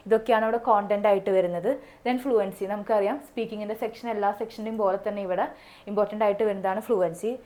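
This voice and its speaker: A woman coaching students for an exam, speaking. She talks quickly in a casual, repetitive way, with many fillers. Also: mid-range voice, darkish tone. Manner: casual, repeats points, frequent fillers. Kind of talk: explaining exam tips in a video lesson.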